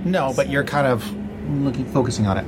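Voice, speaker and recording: Halting male game master, very noisy recording. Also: medium pitch. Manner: halting, searching for words. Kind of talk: narrating a tabletop game, casual. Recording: clearly noisy room recording, loud background noise.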